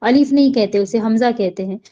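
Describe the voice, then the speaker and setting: A woman teaching Quran recitation. She explains each sound patiently and chants the verses slowly. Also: a little high, dark tone, dull audio.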